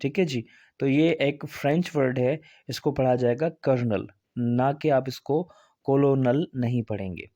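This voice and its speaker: A man's voice: medium pitch, moderate pace, mellow, no echo, dull audio. A man teaching English pronunciation in a video lesson, spelling out words and repeating each one.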